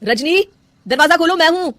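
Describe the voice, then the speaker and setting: A woman doing a gentle loving young husband. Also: very high voice, animated, normal speed, no room sound, pitched above the performer's own voice. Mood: pleading. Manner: coaxing and pleading.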